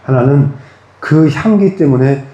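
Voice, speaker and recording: In an echoey small-church room with dull audio, a pastor talks through his sermon conversationally, asking the congregation questions. He speaks at a measured pace in a mellow, mid-range voice.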